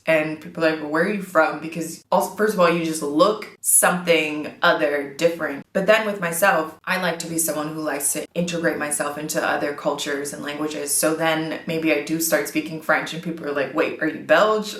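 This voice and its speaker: A low-pitched woman in her thirties speaks straight to her viewers, earnest and encouraging, stressing the words that matter. Her voice rings in a roomy, echoing space. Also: steady tone, normal speed, hardly any pauses, fairly bright tone. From United States. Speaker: vlogger. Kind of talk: casual talk to camera.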